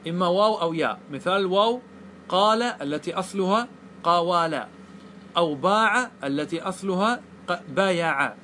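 A man's voice: sits high, sharp tone, slight background noise. A man teaching Arabic grammar, explaining a classical poem line by line, patient, repeating his points and checking that the students follow.

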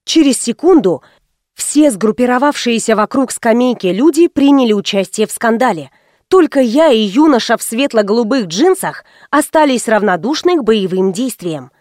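A woman narrating an audiobook in the first person, wry and expressive. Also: a little high, normal speed, dry recording, studio quality.

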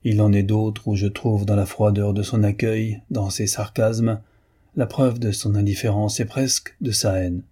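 A man voicing a young lover pouring out his feelings in an earnest, ardent way, with a low, husky and mellow voice. The tone is that of a classic novel read aloud. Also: level tone, unhurried. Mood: troubled. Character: young man passionately in love, painter.

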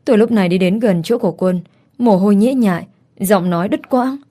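A woman narrating a dark first-person story in a steady, scripted reading. Her voice is mellow and warm, with a middling pitch. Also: a little fast.

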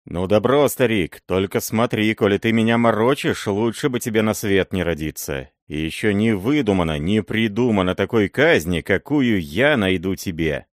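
Hot-tempered young prince, barking orders, read by a man; low voice, dry read. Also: lively intonation, normal speed, few pauses, dry recording, lightly acted. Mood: imperious. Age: young adult. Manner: loud, imperious, shouting. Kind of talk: audiobook character voice.

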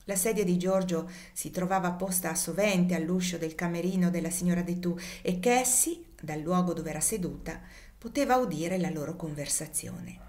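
A woman narrating a classic novel as an audiobook, with a steady, measured reading. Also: fairly low pitch. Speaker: audiobook reader.

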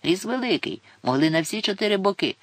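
A man voicing a gruff, mocking older forester who looks down on city folk. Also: high voice, expressive, a little fast, dry recording, pitched above the performer's own voice. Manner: grumbling, scornful, folksy.

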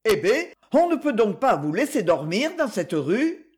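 Man playing a flustered old shoemaker uncle, grumbling, high voice. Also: very animated, a little slow, a little mellow, breathy edge, full character voice.

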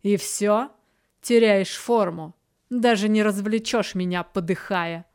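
A woman's voice: mid-range voice, takes it slowly, smooth, no room sound, studio quality. A woman voicing a sneering villainous mage lord. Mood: mocking. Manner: sneering, commanding. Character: cruel male mage leader, mocking and vengeful.

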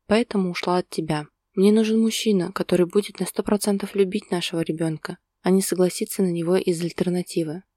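A woman's voice: lowish voice, steady tone, fast talker, few pauses, dry recording, studio quality, close to an everyday voice. A woman voicing Lena, a heartbroken young woman. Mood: sorrowful. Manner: quiet, tearful, resolute pleading.

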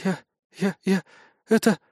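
A man voicing a bold, tipsy young woman soldier who talks in a squeaky, sulky, sassy way. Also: expressive, fairly quick, a little mellow, no room sound, studio quality, lightly acted.

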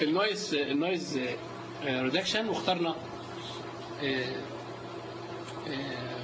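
An instructor with an Egyptian Arabic accent leads a live class in a fairly high voice at a moderate pace. His manner is lively, and he quizzes the students often as he goes. Steady noise runs through the dull, lo-fi recording.

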